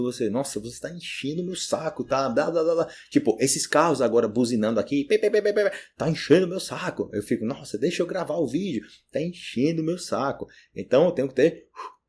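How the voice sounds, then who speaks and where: A Brazilian man with a husky, slightly rough voice gives a relaxed language lesson from his home. He speaks in a Brazilian Portuguese accent, repeats each phrase several times so learners can copy it, and keeps checking in with a quick "né?". His pitch sits in an ordinary middle range. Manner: repeats words slowly to model pronunciation, asks "né?" often. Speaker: Portuguese teacher. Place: home room by a street with car horns.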